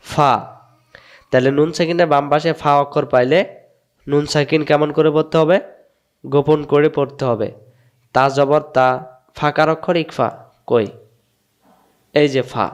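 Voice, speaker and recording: Man, Bangladeshi Bengali accent, Quran teacher, slightly high voice, drills sounds step by step. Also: fairly even intonation, clear, resonant tone. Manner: repeats sounds slowly, asks and answers his own questions. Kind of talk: patient step-by-step lesson.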